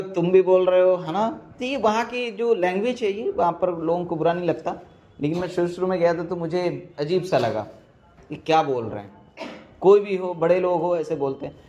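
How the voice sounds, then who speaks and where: A man's voice: high-pitched, dark tone. A man from Bihar with a Bihari accent, teaching a class in chatty, joking style, telling stories and checking that students follow. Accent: Bihari Hindi. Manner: joking, storytelling, asks students if they follow. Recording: muffled lo-fi recording.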